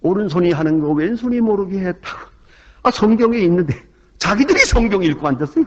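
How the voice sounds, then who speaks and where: A Korean man preaching from the pulpit, his fairly high voice swinging widely in pitch. He bursts into loud exclamations, drops to hushed asides, and acts out the voices of people in his stories. The sound is dull and muffled, like an old sermon tape. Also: lively intonation, fast. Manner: acts out quoted voices in the story. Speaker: pastor.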